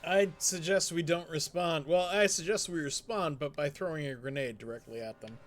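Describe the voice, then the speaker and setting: A man's voice: fairly high pitch, moderate pace, soft background music. A man playing a tabletop game, wry and blunt, swearing casually. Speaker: player.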